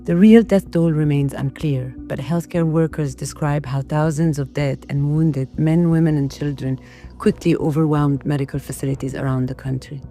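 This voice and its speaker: A woman's voice: sits low, fairly even intonation, moderate pace, mellow. A woman reading scripted news narration as a reporter. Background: music.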